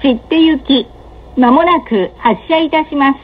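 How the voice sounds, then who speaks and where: A woman giving scripted automated train announcements in a polite, measured, formal manner. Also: high-pitched. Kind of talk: scripted recorded onboard announcement. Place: train carriage public-address system. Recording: dull lo-fi train PA, running noise. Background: train ambience.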